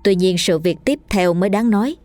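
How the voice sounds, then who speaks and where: A woman reading a ghost story aloud in a steady, measured way. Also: medium pitch. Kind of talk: scripted ghost story narration.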